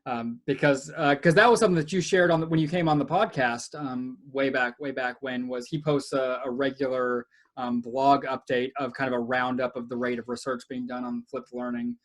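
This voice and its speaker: Earnest, measured man with fillers. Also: mid-range voice, fairly even intonation. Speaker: education researcher. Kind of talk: casual panel discussion.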